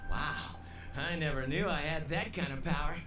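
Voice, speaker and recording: A man's voice: on the high side, moderate pace, pushed and bright, soft background music. A man voicing a brash, easygoing teenage schoolboy in a video game, laid-back and boastful. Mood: tired.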